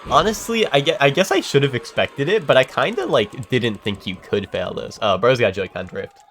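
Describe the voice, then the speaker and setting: A young man with a cold streams a game and chats casually, his medium-pitched voice expressive and a bit bright at a moderate pace. He rambles through plenty of fillers, restarts and casual swearing, and there's slight background noise.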